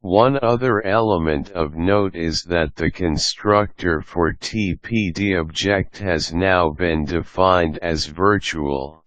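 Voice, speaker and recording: A man with a very deep voice reads a technical article as scripted narration. He keeps an unhurried, measured pace and a formal, even delivery. The sound is dry and close, with no room around it. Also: no echo, lo-fi sound. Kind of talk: scripted reading of a programming article.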